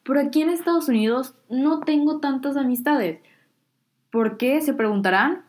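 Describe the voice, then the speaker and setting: Her voice sits high and a little mellow, at a normal speed. She's a teenage vlogger from Mexico with a Mexican Spanish accent, speaking casually and frankly to camera, using Mexican slang and teasing herself.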